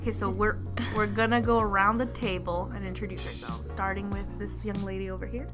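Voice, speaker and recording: A young woman hosts a loose group podcast, often laughing as she keeps her friends on track. Her voice sits mid-range, with music playing clearly behind her. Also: mid-range voice, level tone, a little fast. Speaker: podcast host. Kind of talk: casual group chat.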